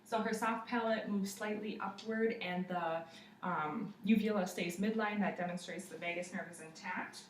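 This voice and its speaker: At normal speed and in a mid-range voice, a young woman works through a clinical exam step by step, telling a patient and observer each finding the way a student does. She's in a living room indoors, captured by a distant camera mic that sounds roomy with slight noise.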